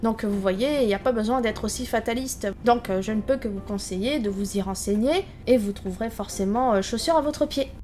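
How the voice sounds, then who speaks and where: A woman's voice: a little high, brisk, hardly any pauses, mellow. A woman hosting her own VTuber video, giving chatty, opinionated commentary with frequent fillers. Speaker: VTuber host. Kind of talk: scripted vlog commentary.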